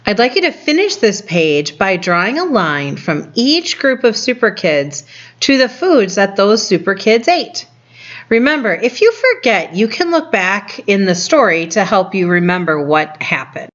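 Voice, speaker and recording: A woman teaches reading to small children in simple, step-by-step instructions. Her pitch moves up and down in a lively way and her pace is slow. The recording is a bit dull and lo-fi. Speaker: early-grades reading teacher. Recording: dull, lo-fi sound.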